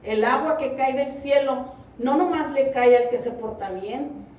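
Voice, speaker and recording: A woman delivers a sermon in a high, bright voice. She presses her congregation earnestly. She is picked up from a distance in an echoing room with a faint hum underneath. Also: a little slow. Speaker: preacher. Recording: roomy, distant mic.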